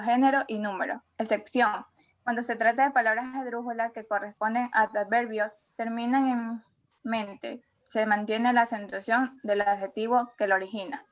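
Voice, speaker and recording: Woman reading a class presentation, lo-fi. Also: on the high side. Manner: careful, even reading of a script. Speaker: student presenter. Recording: dull lo-fi audio.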